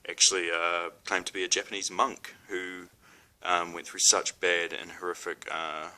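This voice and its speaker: Speaking at normal speed in a low, level voice with a sharp edge, a young New Zealander who vlogs about spirituality chats casually to camera. He hesitates often, full of ums and restarts.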